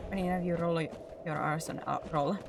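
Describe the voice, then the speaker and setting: A woman with a Finnish accent who rolls her R's, chatting in an animated, rambling, self-deprecating way while commentating her gameplay. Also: deep voice, a little fast, creaky, background noise. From Finland. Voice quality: rolled R's. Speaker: video game streamer. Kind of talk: casual gameplay commentary to viewers.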